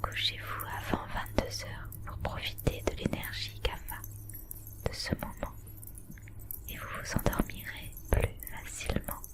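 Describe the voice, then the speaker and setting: A woman whispers softly and breathily in an ASMR style, giving measured, instructional wellness advice in short phrases.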